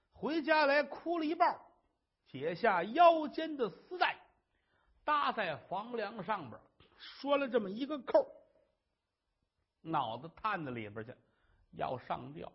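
A man narrating a traditional story with dramatic, animated delivery. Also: a little high, slightly rough. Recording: dull lo-fi recording.

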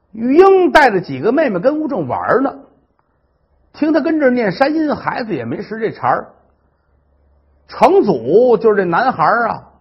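A man telling a traditional story, animated and acting out the characters' voices, on a dull lo-fi recording. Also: high-pitched, breathy edge.

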